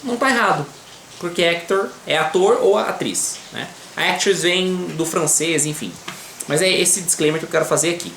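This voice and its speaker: Give me a Brazilian man giving a beginner English lesson in an echoey room with faint background ambience, slowing down to model words. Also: fairly high pitch, fairly bright tone, slight background noise. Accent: Brazilian Portuguese. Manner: checks in often with quick tag questions; slows down to model English pronunciation. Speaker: English teacher. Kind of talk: explaining English grammar to beginners.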